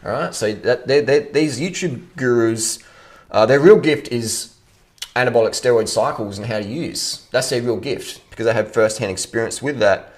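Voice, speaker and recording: An online fitness commentator answers viewer comments in a casual, unscripted rant, blunt and opinionated, swearing freely and repeating phrases for emphasis. His voice is medium-pitched, at a moderate pace.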